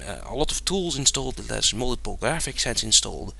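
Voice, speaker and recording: This is a fast-talking young man from the Netherlands, medium-pitched with vocal fry and a Dutch accent, casually narrating a game tutorial over his screen. He is relaxed and rambling, with lots of fillers and frequent chuckles, and soft music plays in the background.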